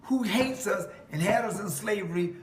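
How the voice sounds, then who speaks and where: A man's voice: high-pitched, normal speed. A man delivering an emphatic preaching monologue to a listener, quoting scripture and laughing mockingly. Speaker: self-styled preacher. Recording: echoey room with faint noise.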